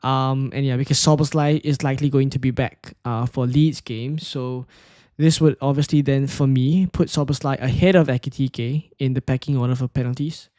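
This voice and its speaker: A man's voice: mid-range voice, fairly even intonation, normal speed, warm tone, no echo, clean studio sound. A man from Singapore, casually talking through his picks and answering chat questions on a live stream, thinking aloud with fillers and restarts. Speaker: fantasy football streamer.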